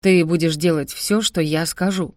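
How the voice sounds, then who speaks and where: Woman reading a cold older stepbrother for an audiobook; clipped, calm, lowish voice, dry studio. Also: normal speed, dry recording, lightly acted. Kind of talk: audiobook character voice.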